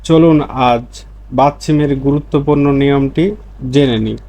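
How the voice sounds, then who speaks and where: Man slowly repeating Korean words for learners. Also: fairly high pitch, fairly even intonation, mellow. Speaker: Korean language teacher. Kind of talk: explaining pronunciation rules.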